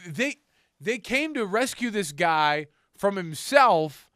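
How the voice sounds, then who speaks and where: A man's voice: high voice, sing-song, slow, pushed and bright, no echo, studio quality. A man co-hosting a casual comedy talk show, sarcastic and fond of acting out quoted lines. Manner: sarcastic, acts out quotes in exaggerated voices. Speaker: podcast co-host.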